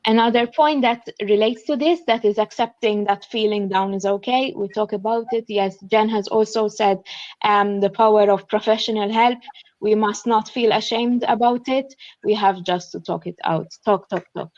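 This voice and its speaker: Reading notes aloud for an online student panel, a young Maltese woman speaks earnestly from a shared flat, her Maltese accent audible and her speech full of fillers as she thinks. Her mid-range voice is slightly mellow, fairly even in intonation and moderately paced. The video-call computer mic gives dull audio with no echo.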